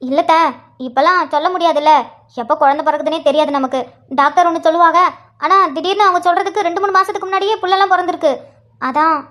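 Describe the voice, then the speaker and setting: A woman's voice: extremely high pitch, steady tone, fast, fairly bright tone, pitched below the performer's own voice. Woman doing a polite, anxious mother. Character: worried middle-aged village mother. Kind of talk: cartoon voice acting.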